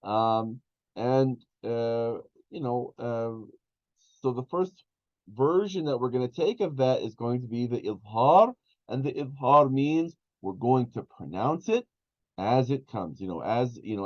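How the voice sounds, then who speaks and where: Slow-explaining male teacher, dull sound. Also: mid-range voice, lively intonation. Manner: slow explanatory, many fillers and restarts. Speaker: Arabic teacher. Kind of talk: online class lesson.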